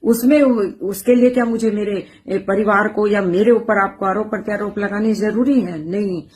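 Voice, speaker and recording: A woman educator speaking passionately in a monologue, forceful and rhetorical, repeating her phrases for emphasis. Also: medium pitch, steady tone, moderate pace. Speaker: educator and social media speaker. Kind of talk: impassioned monologue to camera.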